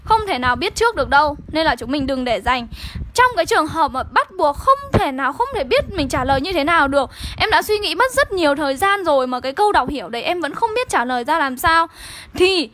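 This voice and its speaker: A woman's voice: sits high, big pitch swings, fast talker, a bit bright. A young woman with a Northern Vietnamese accent teaching an online exam-review lesson, coaxing and keeping on checking in with her students. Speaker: literature teacher.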